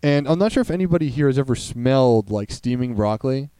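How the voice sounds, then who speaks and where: A man's voice: mid-range voice, expressive, fast talker, warm tone, smooth, no room sound. A young man telling a rambling, crude, joking story in casual chat.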